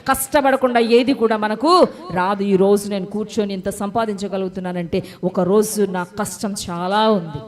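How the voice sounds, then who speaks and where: A woman's voice: medium pitch, normal speed. A woman preaching a sermon with emphatic rhetorical questions and repetition, speaking straight to her listeners. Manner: talks straight to listeners by name.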